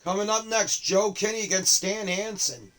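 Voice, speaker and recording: Excitable high-voiced wrestling commentator man. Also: moderate pace, poor audio. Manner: excitable, frequent exclamations. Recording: loud crowd and game noise.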